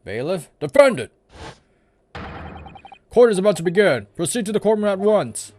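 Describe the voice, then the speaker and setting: Brusque male bailiff done by a man, video game, impatient, scornful, barking, raised pitch. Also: very animated, moderate pace, darkish tone, faint music behind.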